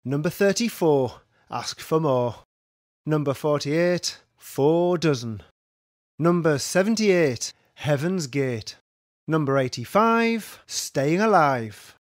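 A man's voice: on the high side, animated, takes it slowly, dry recording, studio quality. A man calling bingo numbers, each one followed by its traditional rhyme in a sing-song manner. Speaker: bingo caller.

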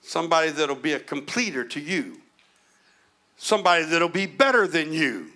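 A man's voice: fairly high pitch, animated, moderate pace, bright, forceful tone. A man voicing God as a patient, folksy creator giving plain-spoken instructions. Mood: instructing.

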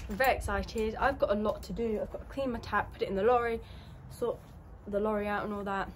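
This young woman talks fast in a medium pitch with a steady tone, and a little hiss or hum runs under the audio. She's an equestrian vlogger chatting in a cheerful, rambling way, phone held at arm's length, at a stable yard outdoors and inside a horse lorry.

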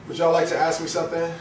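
Recorded from afar by a camera aimed at his stand mic, a middle-aged, New Jersey-accented man from New Jersey performs spoken word in an extremely high voice, joking loosely and profanely with the crowd. The small indoor brick-walled bar lounge sounds roomy, with heavy background noise, audience ambience, and laughter.

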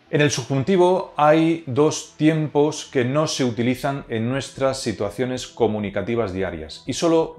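Calm man reciting grammar lessons. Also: medium pitch. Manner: slow, deliberate recitation of verb forms. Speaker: teacher. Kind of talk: scripted grammar lesson narration. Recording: faint guitar music behind.

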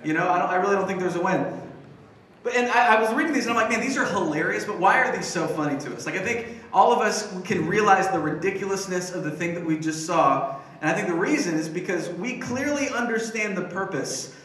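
Speaking a bit fast, a young man from the Philippines preaches as a youth pastor, handheld mic in hand, on a church stage set with band equipment. He sounds high-pitched, fairly bright, upbeat, and chatty, with lots of fillers and restarts. The recording is distant and echoey.

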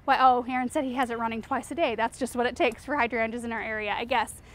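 A woman's voice: a little high, fairly even intonation, quick pace. A woman in her thirties from Eastern Oregon gives a casual, enthusiastic tour of her home garden outdoors, talking loosely with lots of "um" and "like". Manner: chatty, enthusiastic, lots of fillers like "um" and "like". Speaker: garden show host.

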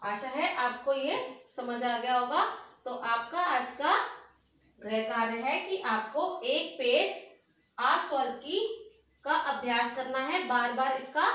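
A high-pitched woman teaching a nursery class, drawing out each word so small children can follow and repeat. Her voice sits a little away from the microphone and rings in a very echoey room. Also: a bit bright, recorded from a distance. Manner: slow, patient, sing-song repetition for children.

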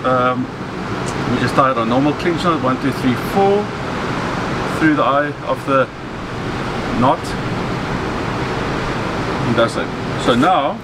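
South African man explaining over loud surf. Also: mid-range voice, slow pace, pauses often. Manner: relaxed, practical explaining with many "so" and "okay". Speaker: fishing instructor. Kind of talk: outdoor how-to demonstration. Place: open beach by the surf. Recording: loud surf and wind noise. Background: crashing waves.

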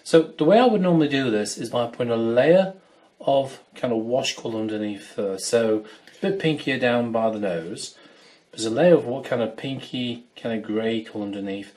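A man giving a relaxed, chatty painting demonstration, talking through his brushwork. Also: medium pitch, moderate pace. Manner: chatty, relaxed, with fillers and asides. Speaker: wildlife watercolour artist teaching.

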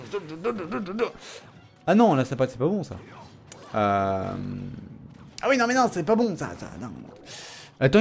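Casually commenting on his own gameplay, a young male gaming YouTuber jokes with the viewer and needles his opponent. His voice is on the high side with a darkish tone, and faint background noise can be heard.

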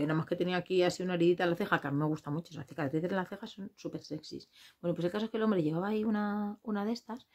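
A woman's voice: on the low side, a little mellow. A woman from Spain giving casual gossip commentary on a reality show, outspoken and blunt, swearing freely and mimicking the contestants.

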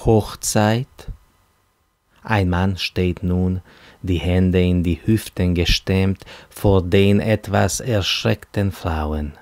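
A man reads a story aloud in a calm, measured manner, with a lowish voice and an unhurried pace. The sound is close and dry, with no room around it. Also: no echo. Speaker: audiobook narrator. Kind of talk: scripted narration.

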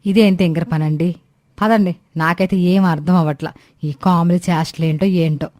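A woman voicing a bossy, sharp-tongued older mother-in-law in a cartoon story, grumbling and scolding. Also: lowish voice, fairly even intonation, normal speed, no room sound, studio quality, natural voice.

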